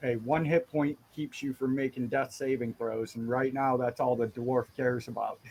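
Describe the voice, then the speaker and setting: A man's voice: medium pitch, fairly even intonation, normal speed, a little mellow, husky, poor audio. A man running a tabletop game as dungeon master, explaining rules and describing scenes.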